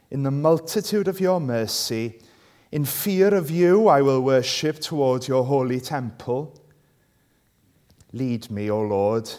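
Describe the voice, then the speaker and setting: Speaking at a medium pitch with a slightly mellow quality, a Welshman raised on the Welsh language delivers a sermon and scripture reading. His style is chatty, and he checks in with listeners by tossing them rhetorical tag questions.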